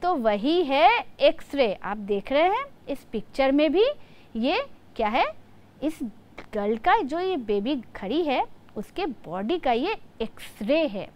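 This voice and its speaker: A woman's voice: sits high, very animated, slow, darkish tone, slight background noise. A woman teacher giving a lesson to young children, spelling words out letter by letter.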